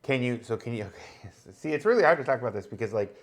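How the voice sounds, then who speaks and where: A man's voice: medium pitch, expressive, fast talker. A man co-hosting a casual chat, explaining ideas at length and thinking aloud with many fillers. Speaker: co-host.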